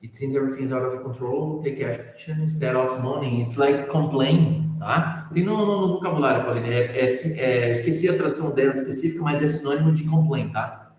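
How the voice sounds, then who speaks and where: A man with a Brazilian Portuguese accent teaches English one-on-one, explaining patiently and repeatedly checking that his student understands. His voice is medium-pitched and darkish at a moderate pace, picked up by a distant mic in an echoey room.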